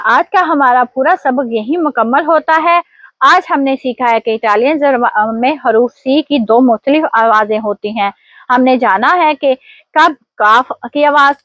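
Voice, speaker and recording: A woman teacher giving an online language lesson, explaining pronunciation rules slowly and quizzing her viewers. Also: sits high, fairly bright tone, dry recording. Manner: slow, deliberate explanations with quiz prompts.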